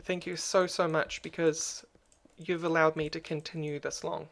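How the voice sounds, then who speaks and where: A YouTuber talks straight to camera in a personal vlog with a noticeably crackly, creaky voice. The delivery is flat and low-key, subdued and hesitant, with many pauses on ums.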